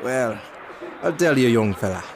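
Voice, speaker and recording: An actor playing an old retired field agent of the sea, gruff and folksy with old-fashioned phrasing, in an audio drama. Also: male voice, mid-range voice, expressive, moderate pace, lightly acted. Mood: warm, reminiscing. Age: older. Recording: clear outdoor dockside noise behind.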